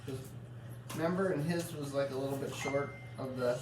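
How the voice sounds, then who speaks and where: A woman's voice: rumbling low, normal speed. A woman making casual conversational remarks from away from the microphone. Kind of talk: casual off-camera chat. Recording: distant, echoey, noisy room.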